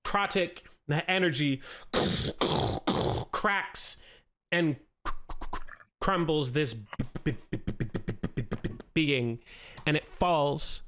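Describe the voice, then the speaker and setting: Slow, stuttering male game master. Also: on the high side, a bit bright. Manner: stutters, repeating syllables. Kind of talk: narrating a tabletop game.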